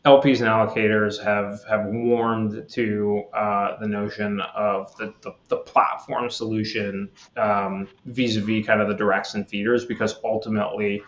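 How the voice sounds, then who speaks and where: A man being interviewed as a guest on a podcast, explaining in a measured way with lots of fillers and restarts. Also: lowish voice, level tone, echoey room, lo-fi sound. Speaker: guest, platform executive.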